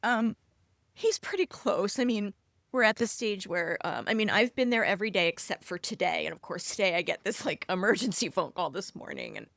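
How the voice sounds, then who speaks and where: A woman's voice: medium pitch, a little fast, vocal fry, a bit bright, dry recording. A middle-aged woman speaking as a podcast guest, upset and close to tears, hesitant and apologetic. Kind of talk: casual conversation.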